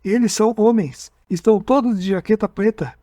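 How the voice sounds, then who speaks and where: Guy reading as a hypnotized man stuck repeating himself, kinda high voice, dry. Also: dark tone, dry recording. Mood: dazed. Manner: halting, repeating words. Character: frightened man reliving an abduction under hypnosis.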